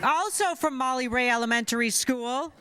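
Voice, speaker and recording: A woman's voice: high voice, normal speed, crowd noise. A woman on a school board reading out recognitions of community partners at a public meeting, adding brief friendly asides. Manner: reads from a script, adds brief friendly asides.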